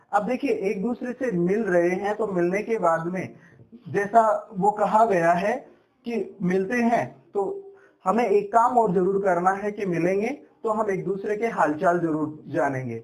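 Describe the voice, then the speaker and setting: A man teaching spoken English as a lesson, explaining slowly and repeating himself with fillers. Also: high voice, rough recording. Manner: slow, repetitive explaining with fillers.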